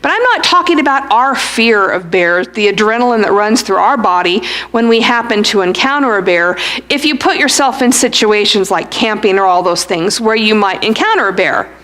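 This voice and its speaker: A woman's voice: medium pitch, lively intonation, normal speed, a bit bright. A woman pastor giving a sermon, telling a story and slipping in dry, humorous asides. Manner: storytelling delivery.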